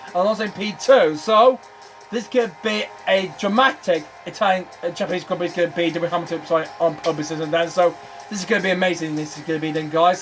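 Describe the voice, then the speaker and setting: Losing his voice, a high-pitched man commentates on a racing management game for his gaming channel. He has a repetitive habit of saying "then" and "I'm afraid."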